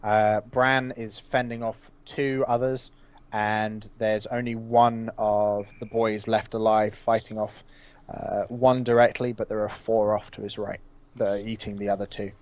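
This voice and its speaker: A man narrating as game master of a tabletop game, pausing often with uh and um. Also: on the low side, flat delivery. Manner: halting, lots of uh and um.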